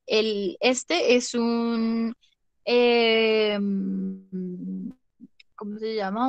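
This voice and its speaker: Patient woman teacher, high dry voice. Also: dry recording. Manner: patient, checks understanding with frequent questions. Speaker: English teacher. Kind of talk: online class explanation. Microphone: video call.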